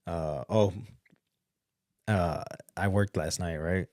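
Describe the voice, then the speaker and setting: A man hosting a podcast, talking casually on his own, chatty and excitable, often repeating his words. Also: sits low, slow pace, dry recording, studio quality. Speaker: podcast host. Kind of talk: casual solo commentary.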